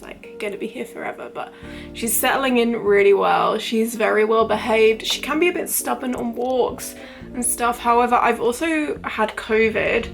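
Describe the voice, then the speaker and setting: A woman in her twenties vlogs casually to the camera, chatty and rambling with lots of fillers. Her voice is on the high side and a bit croaky, since she's recovering from an illness.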